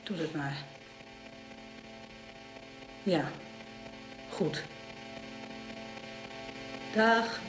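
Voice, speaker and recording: A woman's voice: on the high side, expressive, unhurried, long pauses, echoey room, music in the background, rough recording. An actress in a radio play as a young woman on the phone with her mother, fussy, caring and exasperated. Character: young woman alone at home, anxious, caring. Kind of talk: radio drama acting.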